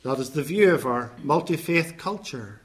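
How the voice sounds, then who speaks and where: Preaching a sermon, this man speaks in a fairly high, expressive voice. He proceeds deliberately, taking his points in turn and carefully enumerating phrases.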